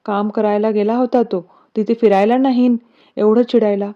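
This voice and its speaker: A woman voicing a calm, caring middle-aged mother who talks in a soothing, motherly way, on a dull lo-fi recording. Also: fairly high pitch, moderate pace, lightly acted.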